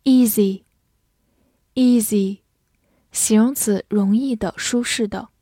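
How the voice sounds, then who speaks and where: A woman's voice: medium pitch, steady tone, extremely slow, dark tone, husky, no echo, studio quality. A woman teaching English vocabulary, saying each word twice and then giving its meanings, in scripted lesson narration.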